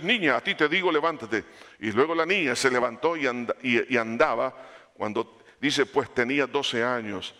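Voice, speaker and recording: A man preaching a sermon, animated, rising for emphasis and dropping low, calling the listeners brother.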